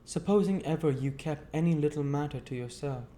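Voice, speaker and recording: For an audiobook, a man voices a kindly, uneducated country man from a novel, pushing his naturally high-leaning, warm voice up a bit with light acting and speaking a little fast. The character is earnest and argumentative, gently insistent, with rustic, emphatic phrasing.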